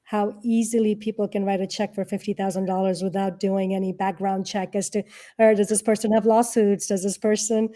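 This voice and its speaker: A woman who is a real estate and angel investor gives conversational answers as an interview guest. Her medium-pitched voice is warm and fairly quick, with little pitch movement, and she explains things informally, often posing rhetorical questions.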